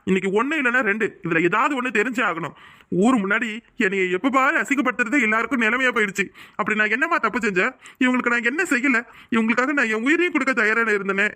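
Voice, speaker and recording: Brief: a betrayed cartoon head of the house, Kanyakumari Tamil accent, lecturing and bitter, very high and quick. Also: male voice, bright, forceful tone, full character voice. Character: angry betrayed elder brother, middle-aged man. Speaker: head of the family. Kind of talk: cartoon voice acting.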